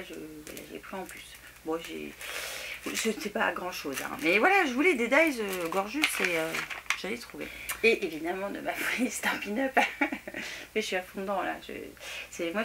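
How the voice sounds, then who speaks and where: Sitting near a table at home, a middle-aged craft vlogger talks chattily to camera about her haul, laughing at herself and using lots of fillers and small hesitations. Her medium-pitched voice is gravelly and a bit bright, and there's a little hiss or hum.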